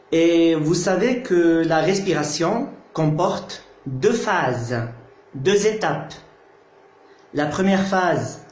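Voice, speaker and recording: A man giving a patient lecture, repeating key terms and checking that students follow. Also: fairly high pitch. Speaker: teacher. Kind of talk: slow explanatory lecture. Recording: echoey room.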